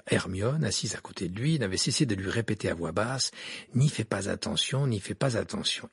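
A man narrating an audiobook in an expressive storytelling manner, with a raspy voice. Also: medium pitch, dry recording, clean studio sound. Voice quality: raspy, gravelly. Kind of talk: audiobook reading of a novel.

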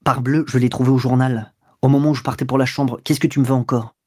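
A man's voice: medium pitch, flat delivery, fast, a little mellow, no echo, clean studio sound, natural voice. A man voicing a brusque, cynical young lover who answers coldly and harshly in an audiobook. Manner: brusque, sneering.

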